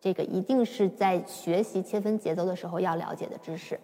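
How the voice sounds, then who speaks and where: A woman giving a patient, step-by-step piano lesson, explaining slowly with occasional fillers. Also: lowish voice, steady tone, warm tone. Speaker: piano teacher. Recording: long reverb with piano. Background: piano played at times.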